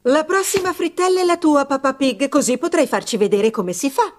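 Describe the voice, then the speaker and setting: A woman voicing a patient, gently teasing mother pig in a dubbed preschool cartoon, playful and motherly. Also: sits high, expressive, brisk.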